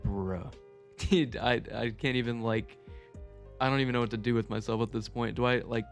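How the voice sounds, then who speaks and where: A man's voice: medium pitch, fairly even intonation, moderate pace. A young man with a mid-range voice tells a casual personal story. He rambles and swears freely in loose slang, sounding amused by his own tales. Faint guitar music plays behind him. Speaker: storyteller video creator.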